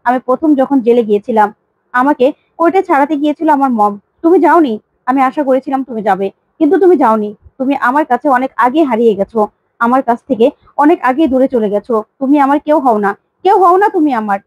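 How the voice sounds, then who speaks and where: A woman's voice: high-pitched, lively intonation, fast, a little mellow, no room sound, rough recording. A woman voicing a bitter, defiant adult son who accuses his father.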